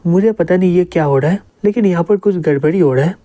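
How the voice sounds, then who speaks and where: A man's voice: high-pitched, quick pace, dark tone, lightly acted. A man voicing an earnest young woman warrior, the last survivor of her tribe, set on revenge. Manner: earnest, pleading.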